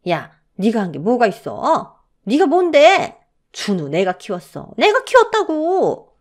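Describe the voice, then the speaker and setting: A woman voicing a harsh, spiteful older mother-in-law who scolds in a shrill voice. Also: big pitch swings, brisk, warm tone.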